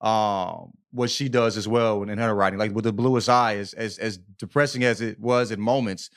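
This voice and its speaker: A man with a lowish, steady voice talks at a moderate pace while co-hosting a podcast. He discusses a book casually and in slang, emphatically repeating himself and often checking in with "you know what I mean."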